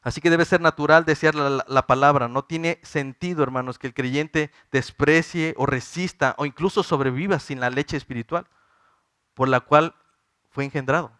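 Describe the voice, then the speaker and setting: Mexican male pastor, 30s, earnest pleading sermon, smooth voice, dry close sound. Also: on the high side, moderate pace, fairly bright tone, dry recording. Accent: Mexican Spanish. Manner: earnest, pleading, addresses the congregation as brothers.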